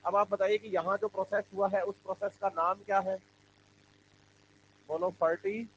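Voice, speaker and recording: A man's voice: sits high, steady tone, normal speed, a bit bright. A male biology teacher lecturing a class, asking questions and having students answer back. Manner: call-and-response questioning. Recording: dull lo-fi classroom recording with faint hum.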